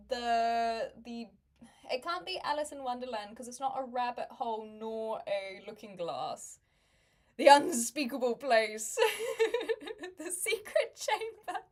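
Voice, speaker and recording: A woman's voice: sits high, expressive, slow. A woman, chatting casually with viewers on a livestream, laughing often and making wry asides. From New Zealand. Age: 20s.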